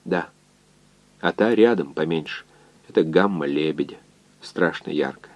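A man voicing a quiet, thoughtful male physicist who speaks softly and unsurely. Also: deep voice, moderate pace, no room sound. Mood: hushed. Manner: hushed, unsure.

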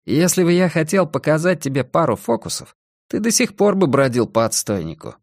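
A man's voice: a little high, big pitch swings, fairly quick, darkish tone, dry recording, clean studio sound, pitched above the performer's own voice. A man voicing a cocky, rebellious young male sewer diver in an audiobook, with an offhand manner. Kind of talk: audiobook character voice.

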